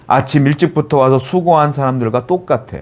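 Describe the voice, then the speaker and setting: A man's voice: mid-range voice, fairly quick, a little mellow, a little hiss or hum. A male pastor preaching a sermon, reading a Bible passage and then explaining it, acting out people's complaints and asking rhetorical questions.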